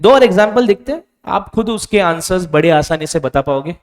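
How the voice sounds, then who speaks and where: A male physics teacher giving a board lecture, asking questions and quietly answering them himself. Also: high-pitched, expressive, brisk. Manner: stretches out key answer words softly. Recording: reverberant room.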